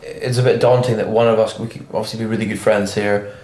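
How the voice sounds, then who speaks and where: A man's voice: lowish voice, level tone, fast talker, a little mellow. A man speaking as an officer cadet in an interview, earnest and uneasy. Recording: roomy echo with faint noise.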